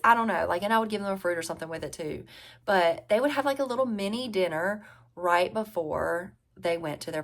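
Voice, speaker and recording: A woman's voice: medium pitch, fairly bright tone. A woman in her forties with a Southern US drawl, giving casual, conversational advice as a health coach and repeating key phrases for emphasis. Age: 40s. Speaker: health and weight-loss coach. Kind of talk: casual advice talk to viewers.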